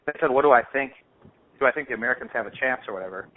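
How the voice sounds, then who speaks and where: Speaking at a racing clip in a medium pitch, this hobby-show host chats loosely over the phone, spinning informal, slangy stories that wander. The call audio is dull and lo-fi.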